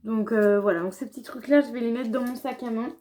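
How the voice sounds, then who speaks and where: A woman's voice: on the high side, fairly even intonation, quick pace, warm tone. A young woman chatting casually through a shopping haul vlog, with lots of fillers and restarts. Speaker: beauty vlogger.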